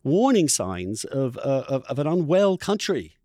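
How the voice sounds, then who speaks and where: In a lively interview, this podcast host speaks with emphasis and wanders through his points, stacking up repeated phrases. His pitch is medium and his pace a little slow, recorded at studio quality with no echo.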